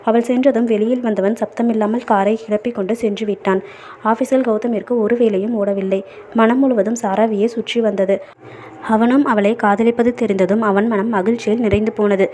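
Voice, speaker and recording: A woman storyteller reading a novel aloud in a steady, even narration. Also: on the high side, normal speed, slight background noise.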